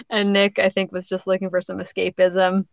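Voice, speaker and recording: Young woman, podcast co-host, chatty book talk, lots of fillers, slight vocal fry, dry close sound. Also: mid-range voice, animated, normal speed, no room sound. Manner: chatty, many "like" fillers, laughs often. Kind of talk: casual book discussion.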